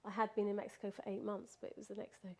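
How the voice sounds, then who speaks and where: A woman's voice: mid-range voice, flat delivery, very fast. A woman recounting a personal experience in casual spoken storytelling, laughing often and restarting her sentences.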